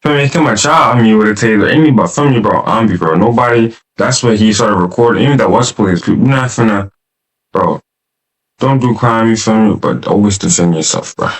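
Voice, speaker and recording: A man's voice: on the low side, brisk, poor audio. A man reacting as co-host in loose, slangy banter, full of "bro" and "feel me".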